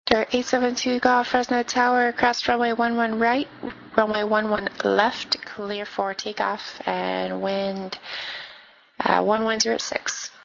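A woman working as an air traffic controller, reading clearances over the radio in brisk, clipped phraseology. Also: a little high, level tone. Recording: dull band-limited radio audio.

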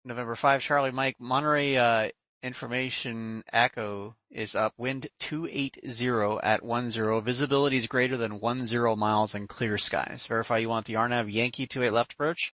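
A man's voice: medium pitch, steady tone, normal speed, few pauses, pushed and bright, dry recording, lo-fi sound. A man working as an air traffic controller, giving procedural instructions over the radio. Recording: dry, band-limited radio audio.

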